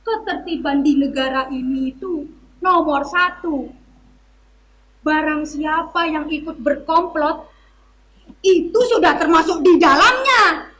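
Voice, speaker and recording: A woman's voice: sits high, slow, pauses often, a bit bright, rough recording. A woman performing a theatre monologue as a blustering, authoritarian officer, declaiming. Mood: furious, shouting. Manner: hammy, theatrical stage declamation. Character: blustering authoritarian security officer, bullying and indignant.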